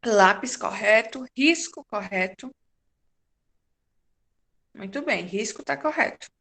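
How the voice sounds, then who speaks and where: A woman teacher, giving a patient, slow-paced class to young children and confirming their answers. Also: mid-range voice, expressive, fairly bright tone. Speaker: primary school teacher.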